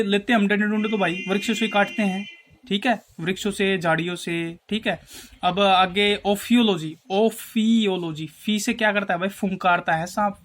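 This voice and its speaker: A man from Haryana, teaching an exam-prep lesson and explaining memory tricks slowly, checking in often with his viewers. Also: high voice, fairly bright tone. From Haryana, India. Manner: explains slowly, checks in with repeated "theek hai", addresses viewers as friends.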